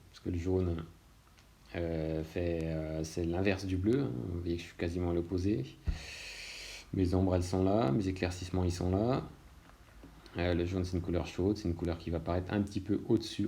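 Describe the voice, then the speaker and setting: A man, an illustrator talking through a screen-recorded software tutorial in a relaxed way, thinking aloud with frequent hesitations. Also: low-pitched.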